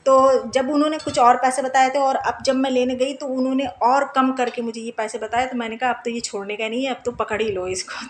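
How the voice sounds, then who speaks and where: Chatty home-vlog woman in her thirties, easy laughter, slightly high pitch, faint noise behind. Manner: chatty, laughs often, many fillers. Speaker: home vlogger. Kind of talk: casual home vlog narration.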